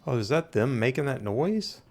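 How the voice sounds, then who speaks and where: A man giving casual, halting commentary on a video game he is playing, muttering to himself in a low-key way. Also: big pitch swings, darkish tone, slight background noise. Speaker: gamer commentating on own playthrough.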